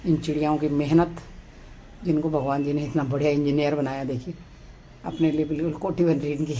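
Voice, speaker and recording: A woman from Uttarakhand with a Pahadi Hindi accent, vlogging from her sunny rooftop balcony on a phone camera, keeping her voice low and soft so she does not scare the birds. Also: slight background noise. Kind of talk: casual vlog narration. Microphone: phone camera held by the speaker.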